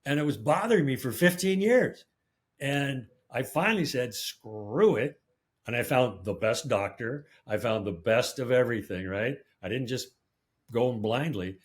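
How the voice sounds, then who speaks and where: A man's voice: medium pitch, lively intonation, normal speed. A man co-hosting a casual chat, talking in a breezy, emphatic way and often adding "right?". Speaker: co-host.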